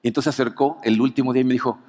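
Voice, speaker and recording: A male pastor with a Mexican Spanish accent tells a personal story from the pulpit, animated and conversational. His mid-range voice rings with the long reverb of a large church auditorium. He keeps checking in with the room through little asides. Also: mid-range voice, rapid-fire. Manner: animated storyteller, peppers lines with "¿no?". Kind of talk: anniversary sermon with personal story.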